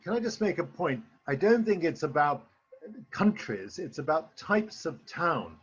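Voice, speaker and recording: Husky guy jumping in on a webinar panel, assertive, kinda muffled audio. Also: a little high, sing-song, unhurried. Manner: assertive, argumentative. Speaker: panel speaker. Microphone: video call. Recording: muffled video call audio.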